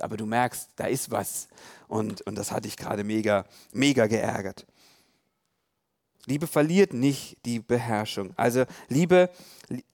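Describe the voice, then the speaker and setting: A man giving a conversational sermon on love in marriage, animated, acting out quoted thoughts with many fillers and restarts. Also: mid-range voice.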